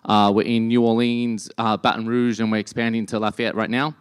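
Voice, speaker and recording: A man's voice: fairly low pitch, little pitch movement, fairly quick, clear, resonant tone. A middle-aged man with an Australian accent giving a casual, chatty talk to a live audience at an event, with frequent fillers and restarts. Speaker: speaker. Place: event venue.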